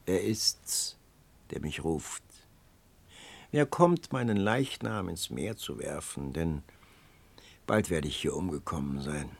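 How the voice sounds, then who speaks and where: A man's voice: lowish voice, animated, moderate pace, husky. A man voicing a poor, hot-tempered young laborer in an audiobook. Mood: feeble. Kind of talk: audiobook character voice.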